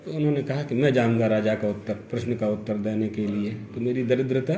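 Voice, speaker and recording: A man's voice: medium pitch, steady tone, brisk, mellow. An older man, a religious storyteller, retelling a devotional tale with quoted dialogue and chuckling asides. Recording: echoey room with faint music.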